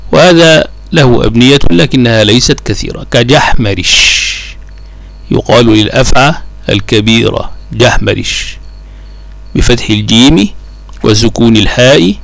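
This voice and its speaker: Slow, gravelly male grammar teacher. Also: mid-range voice, no room sound. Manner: slow, measured, drawing out example words one by one. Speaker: teacher of Arabic morphology. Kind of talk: classical Arabic grammar lesson.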